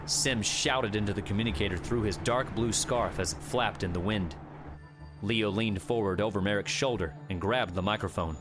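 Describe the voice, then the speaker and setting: A man with a low voice narrates a scripted adventure story in a dramatic audiobook manner at a normal pace. Clear background music plays beneath him.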